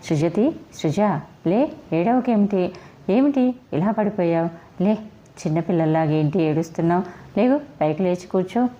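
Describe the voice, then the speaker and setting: This is a teasing young husband who puts on a stern front, voiced by a woman. The voice is mellow and fairly low. The storybook audio is dull and lo-fi. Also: expressive, normal speed, lightly acted. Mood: worried. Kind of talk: storybook reading. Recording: dull lo-fi recording.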